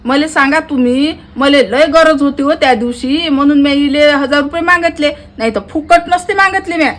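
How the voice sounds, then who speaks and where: A woman, performing a village comedy sketch in a loud, quarrelsome way that turns pleading. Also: high-pitched, normal speed, slight background noise.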